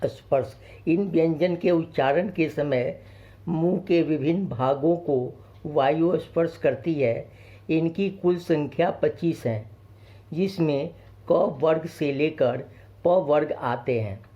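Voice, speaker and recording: A man teaching a grammar lesson to children, slowly and patiently, explaining each point twice. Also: fairly high pitch, muffled recording.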